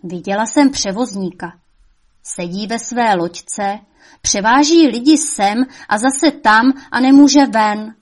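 A woman's voice: fairly high pitch, lightly acted. A woman voicing the devil's old mother, a cunning woman who scolds shrilly and coaxes sweetly. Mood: coaxing.

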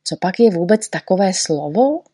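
A woman's voice: on the low side, expressive, dark tone, breathy edge, no room sound, clean studio sound. A woman voicing a fussy little male poet in a storybook reading, patiently explaining and correcting. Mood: lecturing.

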